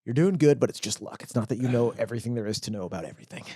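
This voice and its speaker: A man's voice: mid-range voice, lively intonation, racing, mellow, breathy edge, no room sound, clean studio sound. A man co-hosting a casual comedy podcast, teasing his partner and reading quiz questions aloud. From Southern California. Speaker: podcast co-host.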